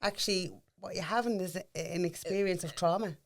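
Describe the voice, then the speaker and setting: An Irish woman co-hosts a podcast, her voice sitting a little low. She reflects back what her guest says in a calm, counselling-like way, naming experiences and feelings. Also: fairly quick. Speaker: podcast co-host. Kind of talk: casual conversation.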